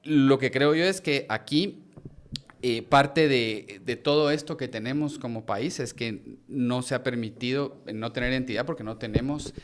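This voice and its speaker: A man's voice: mid-range voice, moderate pace. A man with a Guatemalan accent, an actor and acting teacher, talking reflectively in a casual podcast conversation with frequent hesitations. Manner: reflective, hesitant with many "eh" fillers.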